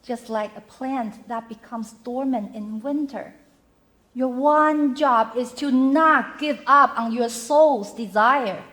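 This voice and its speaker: A high-pitched woman delivers a motivational keynote at a slow, deliberate pace. She breaks her lines into short, emphatic chunks with pauses between them. She speaks at an arts center venue. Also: fairly bright tone. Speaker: mental health keynote speaker. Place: arts center venue before a live audience.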